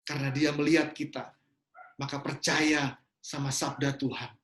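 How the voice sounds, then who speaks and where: A man's voice: mid-range voice, level tone, normal speed, fairly bright tone. A man preaching a sermon in an earnest way, often dropping English phrases into his talk. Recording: roomy echo.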